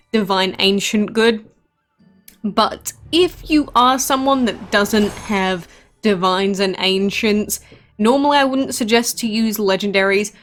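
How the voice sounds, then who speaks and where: A woman talks through her mobile game in a relaxed, rambling way, full of little asides. Her pitch sits in an ordinary middle range, and soft game music plays faintly under her voice. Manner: chatty, rambling with asides and filler. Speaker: game channel host. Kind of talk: casual gameplay commentary.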